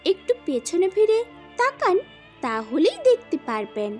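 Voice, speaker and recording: A woman voicing a feisty, sharp-tongued young woman in an audio story drama, teasing and scolding. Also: very high voice, sing-song, measured pace, faint music behind, full character voice.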